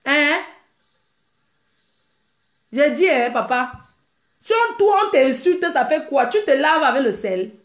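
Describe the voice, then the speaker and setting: Brash, teasing female stream host with a high voice, recorded in an echoey room. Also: slow, long pauses. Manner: brash, teasing, laughs often; animated, mimics crying sounds. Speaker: live-stream host answering viewers. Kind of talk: casual live-stream chat.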